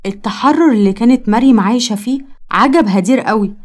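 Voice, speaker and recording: A woman's voice: fairly high pitch, fast talker, darkish tone. A woman with an Egyptian Arabic accent narrating a moralizing story in a scripted storytelling style.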